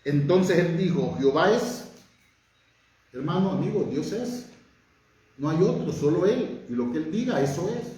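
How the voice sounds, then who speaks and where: A man's voice: a little high, mellow, recorded from a distance. Fervent preacher man in echoey room. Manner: fervent, rising emphatic preaching. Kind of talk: sermon.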